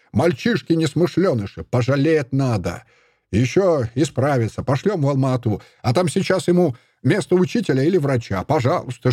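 A man reading an audiobook voices a furious old male prisoner who rants, sneers and shouts accusations in a husky voice. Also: medium pitch, no room sound, clean studio sound.

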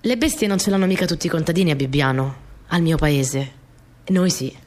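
An actress with a deep, darkish voice speaks briskly in a lightly acted radio-play monologue, with music behind her. She plays a young Italian peasant girl, earnest, plainspoken and stubborn, who confides her story in a naive, colloquial way and repeats phrases for emphasis.

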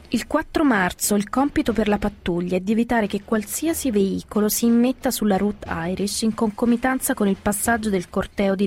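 A woman narrating a factual account in an even, matter-of-fact reading style. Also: medium pitch. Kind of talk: scripted narration.

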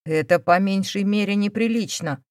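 A woman's voice: medium pitch, normal speed, a little mellow, no echo, clean studio sound, lightly acted. A woman playing a stern, scolding older mother. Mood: cold. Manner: scolding, raised voice.

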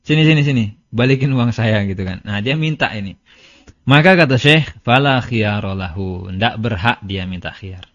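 A man's voice: fairly low pitch, dry recording. Man teaching casually on a dull recording. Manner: conversational, storytelling with everyday examples; reads Arabic text aloud. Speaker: Islamic religious teacher. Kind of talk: casual religious lesson. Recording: dull, dry lo-fi lecture recording.

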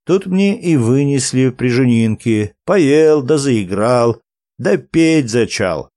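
A man voicing an old wandering minstrel who tells his tale in a fond, drawn-out folk manner. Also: medium pitch, animated, dark tone, no echo, studio quality. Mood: telling. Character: old male wandering minstrel, gentle storyteller.

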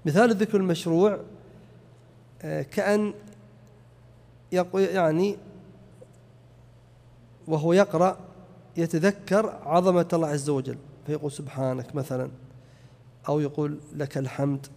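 A man's voice: a little high, fairly even intonation, normal speed, vocal fry, long pauses, darkish tone. A man teaching a lesson on a religious text and reciting examples to illustrate each point. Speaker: Islamic teacher. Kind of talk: lecture on a text. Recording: long hall reverb.

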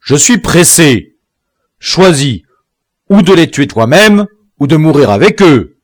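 A man's voice: a little high, very animated, unhurried, dry recording, clean studio sound, voice pushed up. A man voicing an impatient, angry male rebel chief in an audiobook, giving curt commands. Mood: commanding. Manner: barking, commanding.

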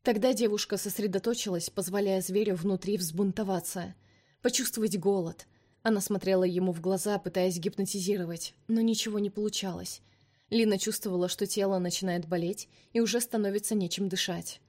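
A woman narrating an audiobook in a steady, dramatic reading. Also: medium pitch, a little fast. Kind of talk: expressive scripted narration.

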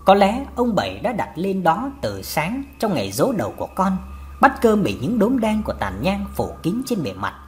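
A woman narrating a ghost story in a dramatic, expressive way. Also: medium pitch, moderate pace. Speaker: audiobook narrator.

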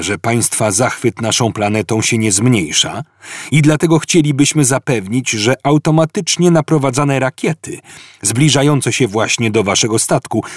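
A man's voice: mid-range voice, breathy edge, no echo, clean studio sound, voice pushed up. A man doing an icy, formal recorded announcement. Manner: frosty, formal, mock-courteous.

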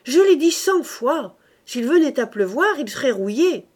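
A woman narrator voicing a brusque, irritable middle-aged husband in a storybook reading, loud and peevish. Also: on the high side, sing-song, unhurried. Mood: scolding.

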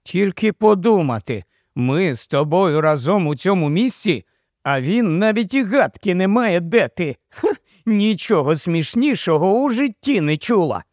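Guy putting on a gushy vain young lady, high and chattery, dry close sound. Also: very animated, a little slow, no room sound. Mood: gushing. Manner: gushing, loud, fussy.

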